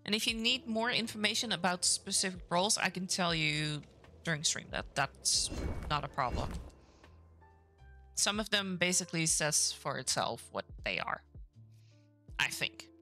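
A woman whose first language is Dutch chats casually while gaming on a live stream, reacting aloud to the match. Her fairly low voice sounds animated, pushed and bright at a moderate pace, with game music in the background.

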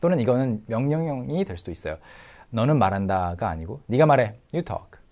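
A middle-aged man giving a recorded language lecture, patiently drilling short phrases slowly and repeating them. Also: mid-range voice, very animated, mellow. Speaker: English teacher.

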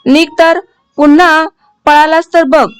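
Woman reading as a strict village mother, scolding, commanding, high voice, faint music behind. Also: steady tone, takes it slowly. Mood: angry scolding.

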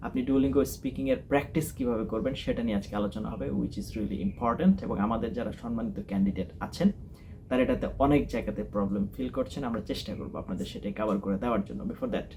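A man's voice: medium pitch, fast, darkish tone, a little hiss or hum. A man hosting a test-preparation channel, explaining speaking practice step by step and mixing English phrases into his lesson. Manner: mixes English phrases into explanations, repeats points. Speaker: test-prep channel host. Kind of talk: instructional talk.

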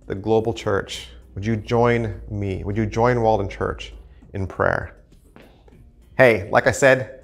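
Male pastor in his 50s; earnest, chatty devotional to camera, lapel mic, empty sanctuary. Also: mid-range voice. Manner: earnest, conversational, gestures while talking. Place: empty church sanctuary, indoors, large.

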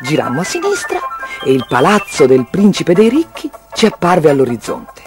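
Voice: mid-range voice, huge pitch swings, normal speed, over music. A storyteller reading a children's tale aloud, in a sing-song storytelling manner.

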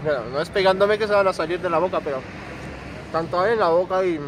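A man's voice: sits high, fast talker. A man vlogging a food challenge, talking through a full mouth with joking, self-mocking commentary. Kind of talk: casual vlog monologue. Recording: outdoor street with clear traffic noise.

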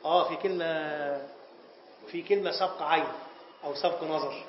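A man's voice: on the high side, steady tone, normal speed, a little hiss or hum. A man with an Egyptian Arabic accent giving a classroom lecture on Arabic language, posing questions to his students and answering them himself. He is playful with wordplay. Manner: playful wordplay, chuckles at slips. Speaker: Islamic scholar teaching Arabic language. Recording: echoey, dull lo-fi classroom recording.

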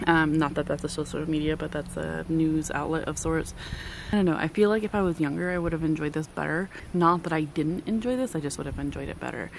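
A woman's voice: low voice, a little fast, creaky, few pauses, poor audio. A woman in her thirties, a book vlogger chatting casually and rambling with frequent ums, filmed outdoors at a lakeside campsite on a phone held at arm's length. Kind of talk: casual chat. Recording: outdoor phone audio with background noise.

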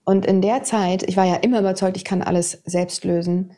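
A woman in her fifties, a TV presenter, telling her personal story to an interviewer in a candid, animated way. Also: mid-range voice, fairly quick, soft background music. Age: 50s. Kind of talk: personal testimony in conversation.

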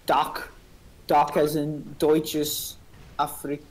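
A man playing a game with friends and cracking jokes in a put-on British accent that keeps slipping. His voice sits slightly high for a man. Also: completely flat delivery, takes it slowly, a crowd in the background, poor audio. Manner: jokey, slips in and out of a mock British accent. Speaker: gamer. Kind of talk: casual gaming banter.

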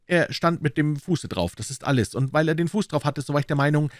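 A man voicing a proud, quick-tempered young male Gascon swordsman, talking with earnest, touchy insistence in an audiobook reading. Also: a little high, expressive, dry recording, studio quality, voice pushed up. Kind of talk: audiobook character voice.

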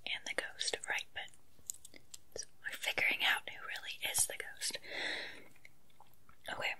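A woman in a whispered role-play as an earnest, unsure investigator, breathy and gently coaxing as she questions a witness. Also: moderate pace. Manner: hesitant, coaxing, soft-spoken questioning.

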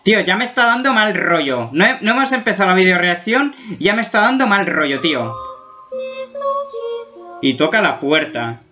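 A man's voice: high voice, sing-song, moderate pace, sharp tone. A man from Spain doing a casual video reaction, joking and exaggerating as he gets spooked, on a dull lo-fi recording. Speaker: YouTube reactor.

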